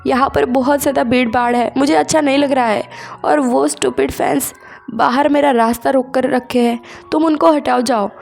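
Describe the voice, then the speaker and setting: A woman voicing a drunk, furious young male star who shouts and demands. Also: sits high, steady tone, moderate pace, gravelly, soft background music. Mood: sulky. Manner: loud angry demanding outbursts.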